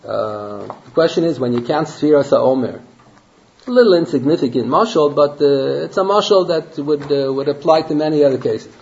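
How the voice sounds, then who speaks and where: Guy rabbi teaching torah class, kinda high voice, lots of rhetorical questions, hebrew words thrown in, muffled lo-fi recording. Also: lively intonation, moderate pace, vocal fry, darkish tone. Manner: conversational, asks rhetorical questions, peppers English with Hebrew and Yiddish terms. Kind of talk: Torah lecture. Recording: dull lo-fi lecture recording.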